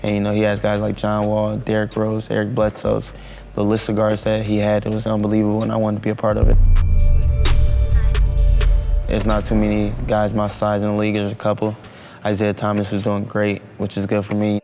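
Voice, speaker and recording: A young man who plays college basketball, speaking calmly and matter-of-factly in a documentary interview. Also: on the low side. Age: young adult.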